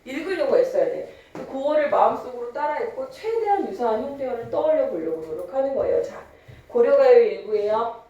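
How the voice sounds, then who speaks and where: A woman's voice: on the high side, sing-song, fairly quick, warm tone, very echoey, recorded from a distance, dull audio. A young woman teaching a literature lecture, chatty and teasing, mixing casual and polite speech. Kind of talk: online lecture.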